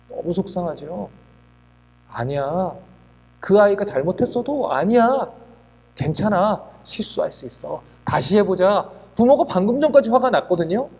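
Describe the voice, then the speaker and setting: A man preaching a sermon as pastor, acting out quoted dialogue with animated delivery. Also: high voice, big-room sound.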